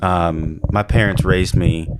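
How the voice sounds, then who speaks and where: A man's voice: low-pitched, fairly even intonation, slow, noisy background. A man, a pastor, talking casually and reflectively in a conversation.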